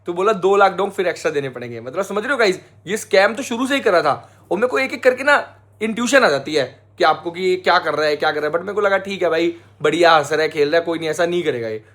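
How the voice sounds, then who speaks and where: A young man, a travel vlogger telling the viewers a story in animated casual chat. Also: high-pitched, fast.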